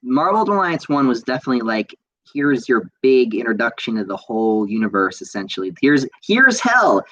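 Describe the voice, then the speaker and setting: A man's voice: mid-range voice, quick pace, a bit bright, no echo, muffled recording. A young man hosting a podcast, chatting casually and reading out viewer comments with lots of fillers and restarts. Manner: rambling, enthusiastic, frequent fillers and restarts. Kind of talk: casual chat.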